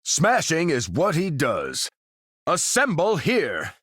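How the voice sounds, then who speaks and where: An actor with an American accent playing a dutiful, resolute soldier who commands a superhero team in a video game, firm and plain-spoken. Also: male voice, fairly high pitch, wildly swooping pitch, slow pace, fairly bright tone, no echo, clean studio sound, heavily acted. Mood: urgent, commanding. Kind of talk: video game character voice lines.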